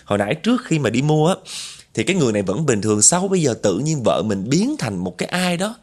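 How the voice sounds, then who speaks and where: A man's voice: medium pitch, big pitch swings, quick pace, a little mellow. Chatty male storyteller. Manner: chatty, addresses listeners directly. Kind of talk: horror story narration.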